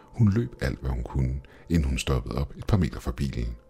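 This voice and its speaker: A man reading a first-person horror story in an even, measured storytelling voice. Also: very deep voice, faint music behind. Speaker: narrator. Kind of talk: scripted horror narration.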